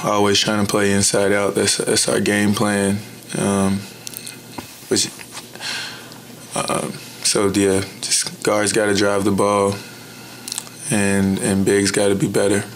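A young adult college basketball player answers questions at a postgame press conference in an indoor press room, speaking into a table mic in front of him. His voice is flat and on the low side, and his delivery is measured, even, and blunt, with frequent "you know." A little hiss or hum is audible.

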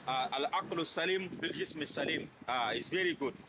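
A middle-aged man with a West African accent chatting casually on a city street, halting and repeating words, recorded on a phone held at arm's length. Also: on the high side, background noise. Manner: halting, repeats words, drops religious phrases. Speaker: vlogger's husband. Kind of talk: casual chat.

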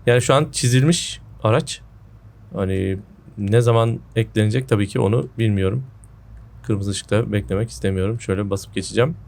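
Low-voiced man, slightly sick-sounding. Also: brisk, vocal fry, a little mellow. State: sick with a sore throat, voice a bit off. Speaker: gaming video host. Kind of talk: casual gameplay commentary. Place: indoor room at home.

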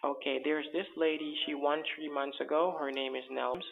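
A man's voice: on the high side, fairly even intonation, normal speed, vocal fry, a little hiss or hum. Insistent Jamaican man on a dull phone line. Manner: insistent, placating. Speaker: phone scammer. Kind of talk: persuasive phone conversation.

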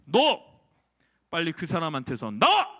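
A man voicing Jesus, deep, commanding, firm and stern, animated storybook telling. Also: unhurried, heavily acted.

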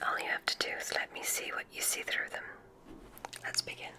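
A kindly examiner witch comes to life in this whispered ASMR piece, her voice deliberate and soothing as she gently signals her approval.

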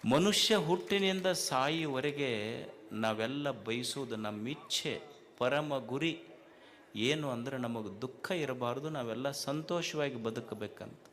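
A man's voice: mid-range voice, takes it slowly. A man with a North Karnataka Kannada accent giving a spiritual talk to a festival crowd, repeating lines and asking rhetorical questions with rising emphasis. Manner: hushes the crowd firmly and jokingly. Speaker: speaker addressing a festival gathering.

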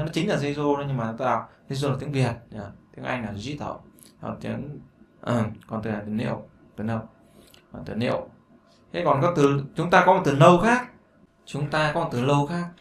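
A chatty man with a Vietnamese accent walks beginners through an English lesson, repeating key words and throwing in asides. His voice sits at an ordinary middle pitch. The recording is roomy and echoey, with a faint hiss behind him. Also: gravelly. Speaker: English teacher. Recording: echoey room with faint noise.

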